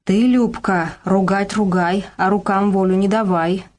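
A woman voicing a cantankerous old grandmother with a creaky, grating voice and a scolding manner, read in an audiobook. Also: mid-range voice, fairly even intonation, measured pace, a little mellow, lightly acted. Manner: quarrelsome, scolding.

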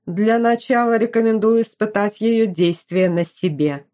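A woman's voice: mid-range voice, fairly even intonation, a little slow, warm tone, lightly acted. A woman voicing a young male fire mage, angry and protective, with a growling, snapping delivery. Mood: furious, growling.

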